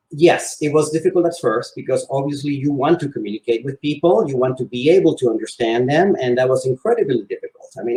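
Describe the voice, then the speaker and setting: His voice is mid-range and a little mellow, heard in a roomy room where the sound echoes. He's an interview guest and real estate salesman from Venezuela and Spain, Spanish by first language, answering in a conversational style.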